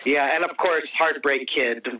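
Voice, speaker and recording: A man's voice: fairly high pitch, unhurried. A male author, interviewed over the phone from home, speaking with enthusiasm but hesitating with many ums. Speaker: author guest. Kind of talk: casual interview chat. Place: home in Los Angeles. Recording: distant tinny phone line.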